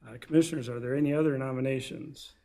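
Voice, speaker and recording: A man with a measured, gravelly delivery, speaking formally as the chair of a commission meeting. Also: mid-range voice, fairly even intonation, dark tone. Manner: measured, procedural. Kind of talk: formal procedural meeting talk. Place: public meeting room.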